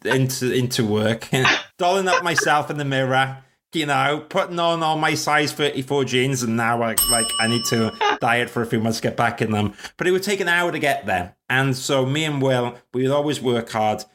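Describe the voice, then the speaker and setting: A man's voice: mid-range voice, moderate pace, noisy background. A man from Wales hosting a podcast, chatting in a rambling, self-deprecating way. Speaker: podcast host. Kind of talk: casual chat.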